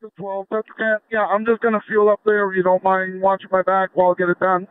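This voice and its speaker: A high-pitched man's voice comes through a tinny two-way police radio. His voice is smooth and clear under the narrow radio sound. He gives brief reports of units and locations in plain radio talk. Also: monotone, fast, no room sound. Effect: heard over a two-way police radio. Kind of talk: terse radio call traffic.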